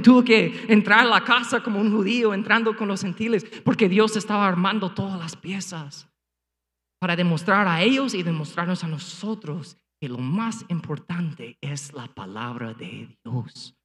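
Preaching from a church sanctuary to a live congregation, with an online stream as well, this male pastor has a high voice and a fairly bright tone. His delivery is emphatic and moderately paced, full of rhetorical questions and punchy sound effects, and the audio carries a big-room sound.

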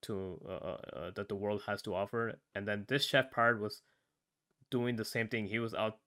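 A man in casual podcast chat, retelling a story in a relaxed way full of fillers and tag questions. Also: lowish voice, moderate pace. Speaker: podcast co-host.

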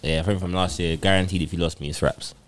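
A man's voice: deep voice, fairly even intonation, quick pace, background noise. A man with a London roadman accent chatting casually in street slang as a podcast co-host.

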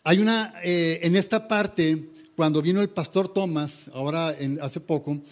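A man preaches in a fairly high voice, earnest and conversational. He stumbles and restarts often. It sounds like a talk given to a congregation. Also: a little slow. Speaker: pastor. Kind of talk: sermon.

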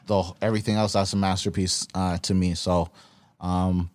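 A man with a fairly low voice chats on a roundtable podcast. He talks in a laid-back way, pausing on fillers and restarting his sentences. The sound is dry and close. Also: little pitch movement, a little mellow, no room sound. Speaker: podcast co-host. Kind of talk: casual roundtable chat.

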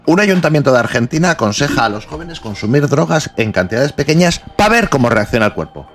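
A man's voice: medium pitch, big pitch swings, brisk. A man co-hosting a comedy podcast, blunt and crude, swearing freely as he banters. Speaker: podcast co-host.

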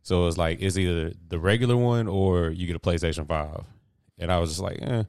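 A man's voice: sits low, a little fast, clear, resonant tone, dry recording, clean studio sound. A young man with a Southern US accent co-hosting a sports podcast, telling stories animatedly and mimicking people. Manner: animated storyteller, mocking voices. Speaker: podcast co-host. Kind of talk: casual sports podcast chat.

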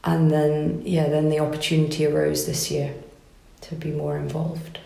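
A Welsh-raised woman in her forties, organiser of a competition, chats in a casual interview with a deep, creaky voice that moves little in pitch at a normal speed. She's warm and chatty, laughs often and restarts her sentences frequently, and the room has a noticeable echo.

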